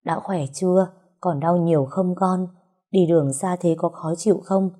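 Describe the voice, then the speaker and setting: A woman's voice: on the low side, steady tone, normal speed, warm tone, lightly acted. A woman voicing an elderly grandfather who scolds tenderly and sounds choked up, in a storybook reading. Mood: tender scolding. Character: emotional elderly grandfather, gruff but loving.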